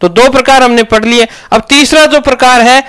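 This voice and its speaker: A man's voice: extremely high pitch, fairly even intonation, normal speed, sharp tone, smooth. A man teaching a grammar lesson, asking questions and answering them himself.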